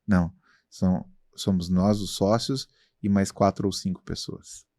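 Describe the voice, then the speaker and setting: A man's voice: sits low, steady tone, unhurried, a little mellow, dry recording, studio quality. A Brazilian man being interviewed about his company, talking in a self-assured, expansive way with many fillers. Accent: Brazilian Portuguese. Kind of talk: casual interview talk.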